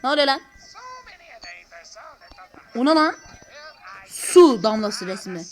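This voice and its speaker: A woman hosting a gameplay video with a high voice that leaps up and down constantly. She talks in slangy commentary and keeps bursting into loud exclamations. Faint game music plays underneath. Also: expressive, takes it slowly. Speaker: gameplay channel host.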